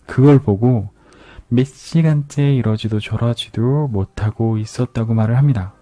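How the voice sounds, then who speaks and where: A man calmly retelling a crime novel for an ASMR book review, often repeating phrases for effect. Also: medium pitch, normal speed. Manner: calm storytelling with repeated phrases. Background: soft background music.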